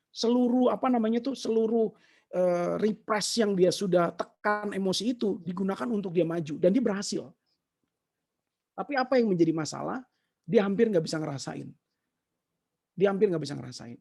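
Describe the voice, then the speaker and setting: Raspy man, gravelly, animated storytelling, casual teaching talk. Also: high-pitched. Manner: animated storytelling, mixes in English words. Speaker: speaker answering questions. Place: online session over a shaky connection.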